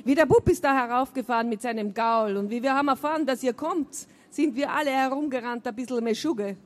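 Casual: woman reading as old village lady, chatty, giggly, kinda higher voice, mangled grammar. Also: a little fast, lightly acted. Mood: chattering. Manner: broken folksy grammar, giggling.

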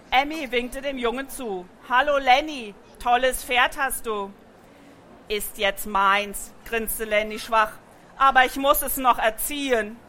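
A woman reads a children's story aloud in a gentle, expressive way. Her voice sits a little high and sounds bright and clear, with a faint hiss behind it. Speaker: narrator. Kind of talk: reading a children's book aloud.

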